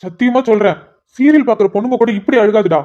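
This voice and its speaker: A woman's voice: medium pitch, warm tone, lightly acted. A woman voicing a sarcastic young married man who teases his friend with exasperated banter in a cartoon. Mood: teasing. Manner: mocking, exasperated, quick banter. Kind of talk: cartoon voice acting. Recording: slightly muffled lo-fi audio.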